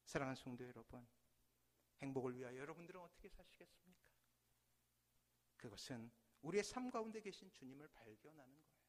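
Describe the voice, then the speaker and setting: A middle-aged man, a pastor, preaching a sermon with dramatic swells and hushed drops in a church sanctuary. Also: mid-range voice, animated, fairly quick, pauses often. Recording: church hall reverb.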